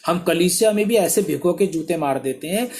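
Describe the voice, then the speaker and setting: A man's voice: high voice, lively intonation, moderate pace, darkish tone. A male pastor preaching a sermon in an emphatic, exhortative way, asking many rhetorical questions.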